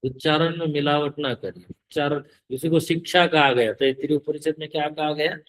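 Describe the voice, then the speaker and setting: A man teaching a scripture class, reciting Sanskrit in a slow chant and carefully correcting his students' pronunciation. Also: fairly high pitch, steady tone, fairly bright tone, rough recording.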